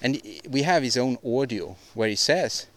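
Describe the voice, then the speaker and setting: A man's voice: medium pitch, expressive, fairly bright tone. Rambling man on a solo podcast. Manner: halting, rambling, frequent restarts and repeated words; opinionated, ranting delivery. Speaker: podcast host.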